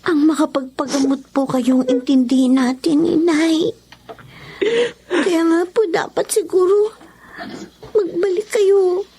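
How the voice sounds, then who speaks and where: A pleading worried daughter. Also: female voice, very high voice, fairly even intonation, slow pace, long pauses, warm tone, full character voice. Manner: polite, pleading. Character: dutiful worried daughter caring for sick mother. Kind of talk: radio horror drama.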